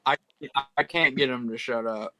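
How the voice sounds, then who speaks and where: A man's voice: mid-range voice, normal speed, sharp tone, dry recording. A man from France competing on an online game show, offhand in his replies. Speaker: contestant.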